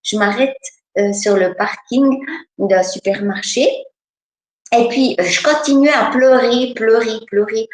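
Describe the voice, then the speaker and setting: A woman's voice: on the high side, measured pace, roomy sound, rough recording. A woman giving a personal testimony, speaking hesitantly with many filler sounds.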